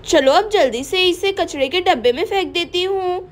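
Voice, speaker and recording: Figure: chatty, bossy young housewife played by a woman. Pitch: very high. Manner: talks to herself, scolds. Style: doll-play storytelling. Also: animated, normal speed.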